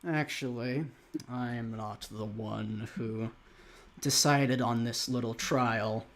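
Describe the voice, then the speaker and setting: A man voicing a dark, rumbling male servant in a tabletop game, speaking slowly and scornfully. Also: fairly even intonation. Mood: dismissive.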